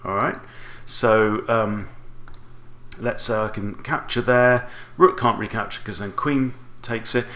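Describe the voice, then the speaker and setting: Man calmly explaining chess moves. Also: lowish voice, slow. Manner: talks himself through options with rhetorical questions. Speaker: chess instructor. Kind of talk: explanatory game commentary.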